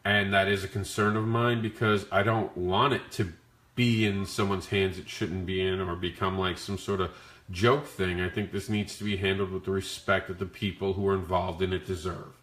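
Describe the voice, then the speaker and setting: A man with a rough, growly voice from the flu, talking casually as he hosts a question-and-answer stream about his creative work. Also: sits low, little pitch movement, normal speed, a bit bright. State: sick with the flu. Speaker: comic creator hosting a Q&A. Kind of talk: casual livestream Q&A talk. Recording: echoey, roomy sound.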